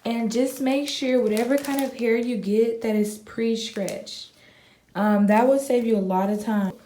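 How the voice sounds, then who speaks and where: A young woman vlogger, talking viewers through a hair tutorial in a relaxed, chatty way, a little groggy from just waking up. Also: on the high side, unhurried, slight background noise. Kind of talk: casual how-to tutorial. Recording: echoey room with faint ambience.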